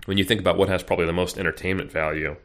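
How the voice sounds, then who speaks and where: Podcast guest: a man in his thirties with a very low voice, chatty and loose, full of ums and restarts. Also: fairly even intonation, racing, fairly bright tone. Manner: rambling, many fillers and restarts. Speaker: podcast guest, bodybuilding coach. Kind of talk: casual interview chat.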